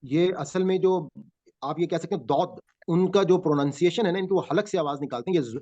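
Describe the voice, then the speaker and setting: A man's voice: a little high, a little mellow. A man teaching a Quran translation class over a video call, patiently explaining word meanings and quizzing his students. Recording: muffled video call audio.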